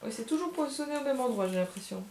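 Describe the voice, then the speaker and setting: Woman chatting thru a board game unboxing, bit high voice, echoey room, gets all excited over little stuff. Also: quick pace, slight background noise. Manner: chatty, thinks aloud, gushes with delight. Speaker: board game bar presenter.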